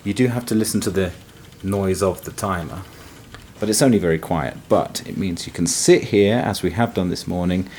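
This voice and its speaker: A man's voice: low voice, moderate pace, a little mellow, a little hiss or hum. A young man giving a chatty, wry walkthrough for a travel vlog. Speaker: travel vlogger. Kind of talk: casual walkthrough to camera.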